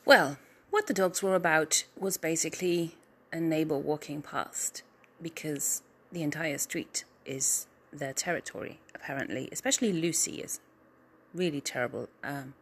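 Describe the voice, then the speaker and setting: Her deep, fairly bright voice moves at a moderate pace, though it's nasal as if her nose is stuffed. This middle-aged writer and story narrator shares a wandering personal update, making fun of herself and trailing into filler.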